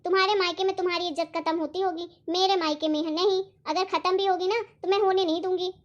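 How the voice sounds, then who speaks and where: A domineering cartoon sister-in-law scolds in a very high, harsh, sarcastic voice. Her nagging never lets up. The recording sounds dull and lo-fi. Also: fairly even intonation, fast. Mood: scolding. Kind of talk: animated cartoon voice acting.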